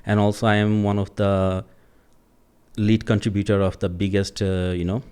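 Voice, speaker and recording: A man in his forties from Bangladesh, a native Bengali speaker, talking as a podcast guest in a thoughtful, relaxed conversational way. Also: on the low side, normal speed, smooth. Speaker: podcast guest, agile coach. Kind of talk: casual interview conversation.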